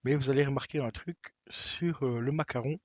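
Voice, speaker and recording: A man's voice: medium pitch, moderate pace, darkish tone, no echo, lo-fi sound. A man casually presenting a vinyl record unboxing to his viewers, hesitant, with many fillers. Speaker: vinyl collector vlogger.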